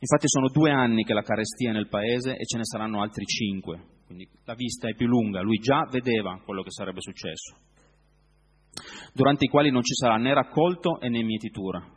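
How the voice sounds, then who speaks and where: A man preaching a sermon in a reflective way, often pausing to search for words. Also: medium pitch, breathy edge, long reverb tail.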